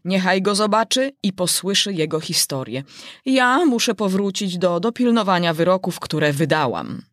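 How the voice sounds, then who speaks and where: A woman's voice: fairly low pitch, animated, moderate pace, no room sound, clean studio sound, natural voice. A woman voicing a tyrannical, ill-tempered queen in an audiobook, speaking in a commanding, imperious way.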